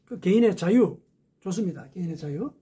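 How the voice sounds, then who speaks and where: A man's voice: high-pitched, expressive, brisk, mellow, husky. A man preaching a sermon as a pastor, explaining step by step with rhetorical questions.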